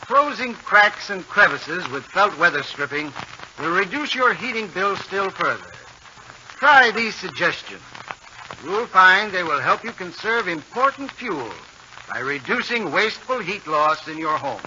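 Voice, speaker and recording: A man's voice: sits high, very animated, a little slow, pushed and bright. A man reading a scripted 1940s radio commercial in a precise, instructive way. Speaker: advertising spokesman. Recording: muffled, hissy 1940s radio broadcast.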